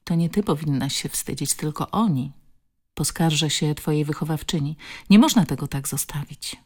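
A woman's voice: sits low, moderate pace, darkish tone, husky. A woman voicing a fierce adult woman who defends a child, speaking in a strong, throaty, commanding tone. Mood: firm. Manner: scolding, commanding.

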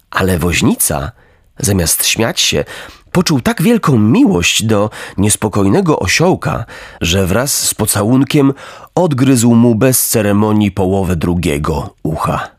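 A man's voice: fairly low pitch, a little slow, breathy edge, dry recording. Brief: male storyteller, wildly varied melody, dry close sound. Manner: very expressive, theatrical reading. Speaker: audiobook narrator. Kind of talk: scripted storybook narration.

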